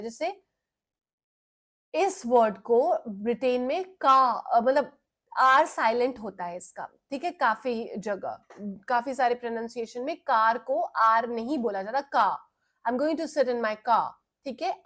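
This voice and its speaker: A young Indian woman with a fairly high voice teaches an online English class for children. She talks slowly and patiently and moves between Hindi and English as she explains words and how to say them. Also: a bit bright.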